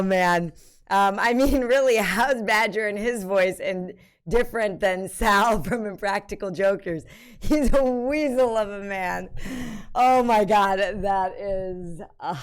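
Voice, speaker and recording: A woman's voice: medium pitch, clear, resonant tone. Streamer type: woman with a distinctive, unusual voice, chatty and giggly, loose rambling delivery with frequent ums. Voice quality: unusual voice that startles people. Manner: rambling, giggly, many fillers and restarts. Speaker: livestreamer reacting to videos. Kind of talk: casual chat.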